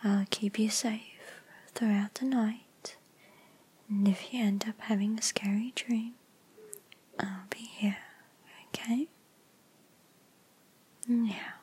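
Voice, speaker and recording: A woman speaks in an airy, breathy whisper with almost no voice behind it, and she lingers on every word at a very slow pace. It is gentle, lulling ASMR comfort roleplay, whispered close to the microphone. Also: fairly high pitch, steady tone. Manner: soft unvoiced whisper, soothing and lulling. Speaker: ASMR creator.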